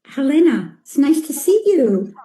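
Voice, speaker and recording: Older woman running a zoom meeting, mellow warm voice, earnest and passionate. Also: high-pitched, sing-song, unhurried. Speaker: meeting organizer. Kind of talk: casual video meeting.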